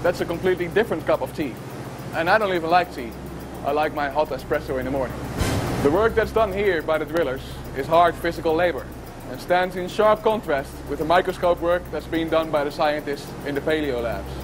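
Young guy doing a news report on mic, voice a bit high, music behind. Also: brisk. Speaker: scientist presenting a news-style report. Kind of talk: scripted on-camera news report. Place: on a drilling ship deck. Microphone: handheld microphone.

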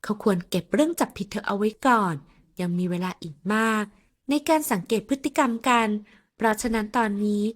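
Husky woman reading an audio novel. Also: mid-range voice, lively intonation, brisk. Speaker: audiobook narrator.

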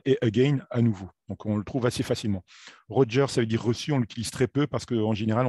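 Man, instructor, halting delivery, many fillers, warm low voice, dry close sound. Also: breathy edge, no echo. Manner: hesitant, many fillers and self-corrections. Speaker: aviation theory instructor. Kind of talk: video lesson.

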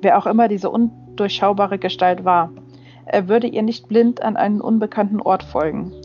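A woman reads a fantasy audiobook in a steady, measured voice of middling pitch. The recording is slightly dull and muffled at the top. Faint music plays underneath. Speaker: audiobook reader. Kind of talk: audiobook narration.

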